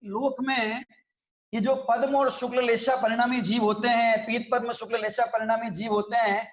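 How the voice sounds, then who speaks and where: A man's voice: extremely high pitch, level tone, moderate pace, reverberant. A man teaching a religious scripture class, explaining in a conversational way and often checking that his listeners follow.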